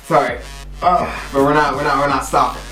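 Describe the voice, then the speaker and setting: A casual vlogger's voice in an echoey room, set back from the mic with music playing. The pitch sits in the middle, and the delivery is halting and repetitive, padded with filler as the host addresses viewers. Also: steady tone, bright, forceful tone, recorded from a distance. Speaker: YouTube challenge host. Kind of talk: casual vlog chat to viewers.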